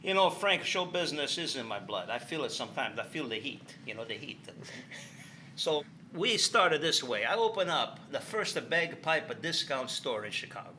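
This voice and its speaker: A man's voice: medium pitch, big pitch swings, normal speed, sharp tone, a little hiss or hum. A man playing a cheerful Italian immigrant bandleader, speaking in a put-on Italian accent with broken English and rambling stories. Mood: rambling story. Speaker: band leader.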